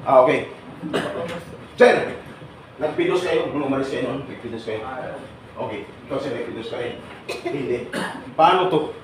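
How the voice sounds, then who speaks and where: A man's voice: medium pitch, normal speed, pauses often. A man giving a live seminar to trainees, teasing and bantering with the audience and often asking them to agree. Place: training room. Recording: echoey room with background noise.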